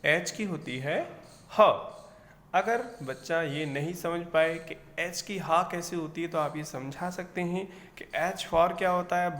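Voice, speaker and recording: A man teaching an instructional phonics lesson. He speaks deliberately, repeats each sound, and checks in with "okay". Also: fairly high pitch, fairly bright tone. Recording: long hall reverb.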